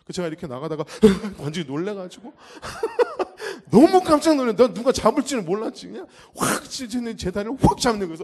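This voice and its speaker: A man giving an animated testimony to a church audience, acting out the scenes as he tells the story. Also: high-pitched, a little fast, slightly rough. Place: church hall.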